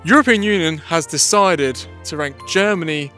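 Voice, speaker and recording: A man's voice: on the high side, normal speed, pushed and bright, faint music behind. British man hosting street interviews. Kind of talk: scripted vlog narration.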